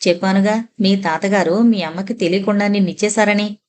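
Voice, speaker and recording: Woman narrator doing a calm kind husband, soothing, no big voice change. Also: medium pitch, fairly quick, slight background noise, close to an everyday voice. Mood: consoling. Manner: soothing, patient. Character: kind patient husband, adult man.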